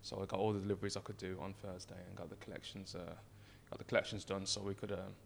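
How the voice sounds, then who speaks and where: A British man with a croaky voice after a night of drinking, talking casually and hesitantly as an interview guest in an echoey room. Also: low-pitched, level tone, quick pace, a little hiss or hum. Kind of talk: casual chat. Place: brewery tap room, indoors. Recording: echoey unit, uneven mic distance.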